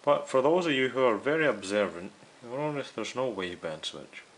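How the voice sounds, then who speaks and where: This radio restoration host has a mid-range voice with lively intonation and talks a little fast. He's casual and hands-on, addressing viewers directly as he explains each step of the repair.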